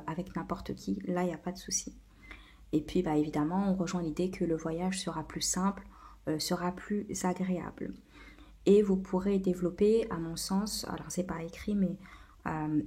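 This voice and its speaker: A woman's voice: fairly low pitch, dark tone. A woman hosting a casual explainer video, talking with many hesitations and filler sounds. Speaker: video host.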